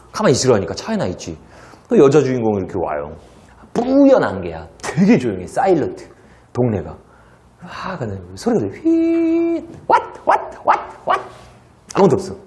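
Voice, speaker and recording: A male teacher giving a lively classroom lecture, telling stories with sound effects and acted dialogue and throwing rhetorical asides to his students. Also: mid-range voice, fairly quick. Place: lecture hall.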